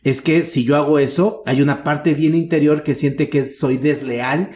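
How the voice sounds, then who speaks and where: A man's voice: fairly high pitch, steady tone, normal speed, darkish tone. A middle-aged man with a Mexican accent, a guest telling personal family stories in a frank, earnest way with casual swearing. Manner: frank and earnest, slips into acted quotes of relatives, casual swearing. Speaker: guest, workshop speaker. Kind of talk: candid conversational storytelling.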